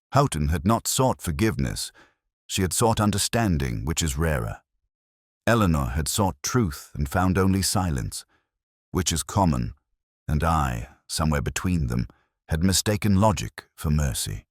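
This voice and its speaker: In clean, echo-free studio sound, a man voices a weary older police detective narrating his own case in scripted first-person mystery style. The full character voice is very deep and brooding, with a melancholy, resigned mood and a literary, measured delivery.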